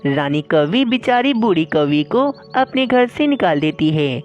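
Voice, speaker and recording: A woman narrating a cartoon story in a lively storybook manner. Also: lowish voice, a little slow, muffled recording, faint music behind.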